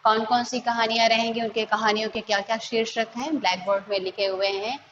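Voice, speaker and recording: A woman's voice: on the high side, fairly even intonation, fairly quick, fairly bright tone, a little hiss or hum. A woman primary school teacher giving an online lesson to children, patient and coaxing, mixing English words into her talk. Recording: echoey, dull lo-fi room recording.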